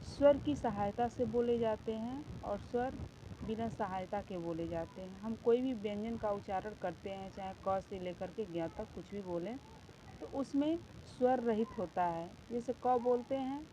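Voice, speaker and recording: Slow, patient woman teaching grammar. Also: a little high. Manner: slow, patient explaining, counting out sounds and asking the class questions. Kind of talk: Hindi grammar lesson for schoolchildren. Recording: slightly dull lo-fi sound with faint background noise.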